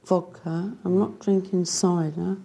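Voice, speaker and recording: A woman answering a doctor's questions at a clinic in short, flat replies. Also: fairly low pitch, a little slow, vocal fry, husky.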